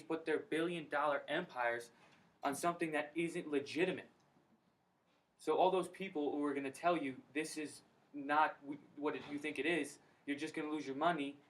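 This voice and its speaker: A young man giving an energetic, slangy personal testimony at a recruiting meeting in a college room. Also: on the high side. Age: young adult. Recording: distant mic, faint background noise.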